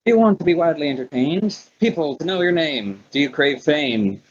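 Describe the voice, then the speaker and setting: A man voicing a flamboyant ringmaster sorcerer who calls out to the crowd in a booming, theatrical barker's voice, over muffled lo-fi audio. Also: expressive, fairly quick. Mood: grand showman.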